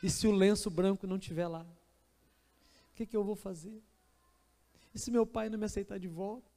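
A man's voice: high voice, fairly even intonation, fairly quick, warm tone. A man voicing an anxious young man going home to his father, pleading and restless, with a Brazilian Portuguese accent. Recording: reverberant church hall.

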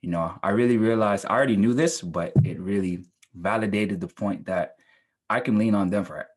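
Young male podcast co-host, laid-back and reflective, husky low voice. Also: brisk. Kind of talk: casual chat.

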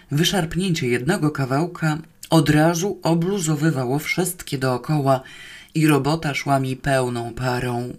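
A woman narrates a comic novel in the first person, taking her time over each phrase. Her voice rises and falls with lively intonation, and her delivery has a wry, knowing edge. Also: deep voice. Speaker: audiobook reader.

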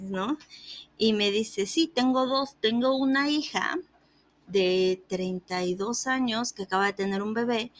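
A woman, telling a funny story in casual chat and acting out the other person's lines, laughing often. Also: mid-range voice. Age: 30s. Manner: animated, acts out quoted dialogue, laughs often.

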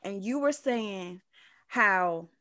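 A woman's voice: mid-range voice, expressive, drawn-out words, very noisy. A woman co-hosting a podcast, chatting playfully and laughing easily. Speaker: podcast co-host. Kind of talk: casual chat.

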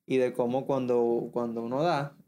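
A man in a casual religious conversation who speaks haltingly, often restarting phrases and quoting scripture. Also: medium pitch, little pitch movement, warm tone, slight background noise.

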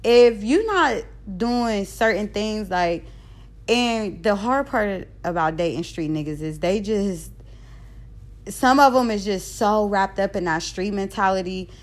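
A woman in her thirties talks straight into her podcast mic in a loose, unscripted solo monologue. Her voice sits at an ordinary mid pitch for a woman. She is blunt and candid, and she often trips over her words as she goes. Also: animated, unhurried. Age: 30s. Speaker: podcast host.

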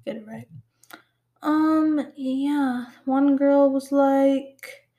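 This teen girl of Pakistani heritage speaks extremely slowly in a high, mellow voice. On her casual solo podcast she rambles and teases herself, leaning heavily on "like" and "um."

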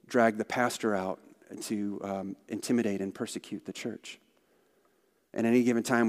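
A medium-pitched man speaking for a missionary organization tells stories in a conversational church talk, full of asides. The recording has long hall reverb.

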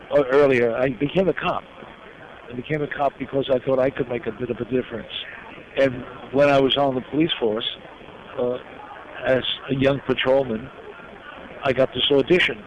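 An older man from New York telling personal stories as an interview guest, reflective and heartfelt, pausing often. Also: mid-range voice, little pitch movement. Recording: dull lo-fi sound with clear background noise.

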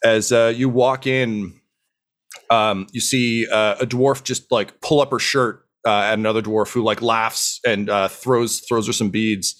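A man's voice: lowish voice, fairly even intonation, measured pace, a bit bright. Chatty male dungeon master narrating. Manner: loose, filler-heavy, chuckling. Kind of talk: improvised narration of a tabletop game.

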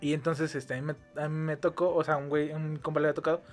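A man's voice: fairly high pitch, little pitch movement, quick pace, faint music behind. A man with a Mexican accent telling an anecdote in casual chat, laughing often and acting out quotes.

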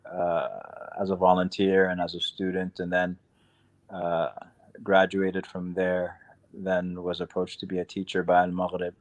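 A young man, a laid-back imam chatting casually as a podcast guest. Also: low-pitched. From Queens, New York.

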